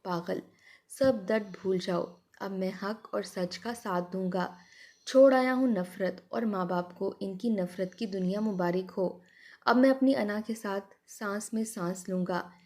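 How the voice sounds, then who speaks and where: A woman's voice: medium pitch, measured pace, a little mellow. A woman voicing a grief-stricken young husband who pleads emotionally in a spoken love story. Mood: tender, resolute.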